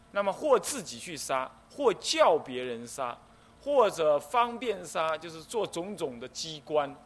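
A middle-aged man, a Buddhist abbot, lecturing on the precepts. He explains step by step and acts out the things people might say. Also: fairly high pitch. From Taiwan. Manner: explanatory, lively, acts out quoted speech. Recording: faint background noise.

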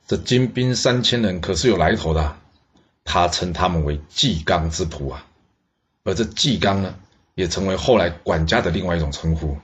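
Deep-voiced man telling a story. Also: moderate pace. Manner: lively, exclaiming, with asides to listeners. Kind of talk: historical storytelling. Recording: dull lo-fi recording.

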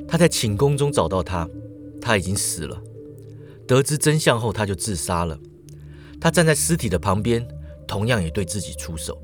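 A man narrating myths dramatically as a podcast host. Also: on the low side. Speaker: podcast host, myth storyteller. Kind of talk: storytelling narration.

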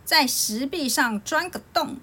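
A cheeky, quick-witted little boy from a children's storybook, raised high and bright, as a woman puts him on. He talks with easy confidence and teases the grown-ups. A faint hiss sits under the voice. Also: expressive, exaggerated voice. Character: clever cheeky little boy, monkey's son.

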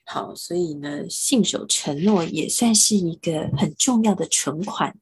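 A woman's voice: mid-range voice, very animated, a little slow, gravelly, slightly rough. A woman co-hosting a casual podcast chat, agreeable and chatty, often murmuring along as she listens. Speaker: podcast co-host.

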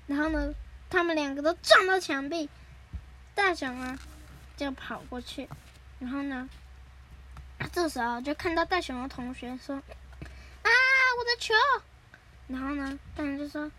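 A woman retelling cartoon stories for a podcast. Her voice is high and bright, and she talks chattily, with many fillers and pauses. A faint background hiss is audible. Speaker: podcast storyteller.

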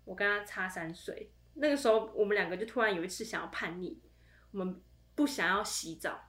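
A woman's voice: mid-range voice, brisk. A young woman, telling stories in a casual podcast chat with lots of laughter. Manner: animated storytelling with frequent laughter. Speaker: podcast co-host. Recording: echoey room.

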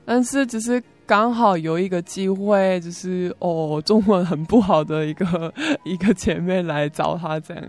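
A woman's voice: lowish voice, a little slow, hardly any pauses, darkish tone. A young woman from South Korea, a native Korean speaker, gives a personal testimony as a foreigner speaking Mandarin with a Korean accent, in simple, hesitant phrases with repeats. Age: young adult. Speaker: interview guest, student. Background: music.

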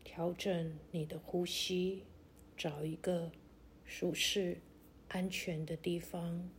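A woman narrating a guided meditation like a sleep story, in a gentle, soothing, deliberate way with long pauses. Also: lowish voice, flat delivery, slight background noise.

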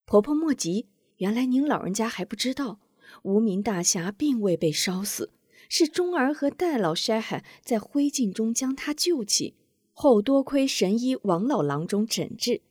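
An earnest middle-aged mother from a storybook tale, voiced by a woman narrator. She explains at length with a lively, rising pitch that climbs when flustered. Close, dry recording. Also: normal speed, breathy edge, no echo. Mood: explaining.

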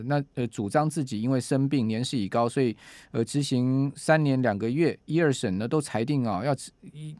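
A male radio host with a Taiwanese Mandarin accent delivers breaking news in a conversational, chatty way. His medium-pitched voice is recorded close and dry, with little room sound. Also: darkish tone, no echo. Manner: frequent sentence-final particles, chatty.

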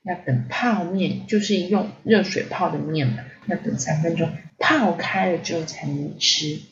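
A woman voicing a curious little boy in a storybook reading, with a bright, helpful, childlike manner. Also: lowish voice, measured pace. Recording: slightly dull lo-fi audio.

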